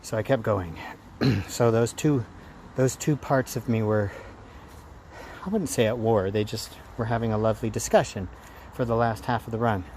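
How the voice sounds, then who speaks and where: Man, casual rambling vlog, reflective, halting phrases, handheld phone, outdoors, light traffic ambience. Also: fairly low pitch, a little mellow. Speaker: running vlogger. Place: outdoors after a run. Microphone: handheld phone camera at arm's length.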